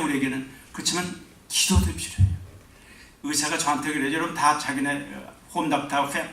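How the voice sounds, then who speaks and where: A man preaches a revival sermon in a church sanctuary, telling a story with emphatic swings in voice. His fairly high voice rings through an echoey hall. He is heard from some way off the mic, with faint noise behind. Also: far from the mic. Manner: animated storytelling, emphatic rises and drops. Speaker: pastor.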